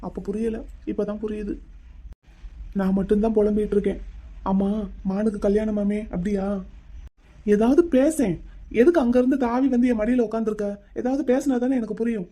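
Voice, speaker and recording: Rich: a heartsick young man in a cartoon romance, musing aloud to himself. His voice sits high for a man but sounds very dark and mellow. He broods more than he speaks outright. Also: fairly even intonation, normal speed, pauses often. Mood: wistful. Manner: brooding, talking to himself and to a lamb. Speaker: male lead of a cartoon love story. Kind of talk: cartoon voice acting.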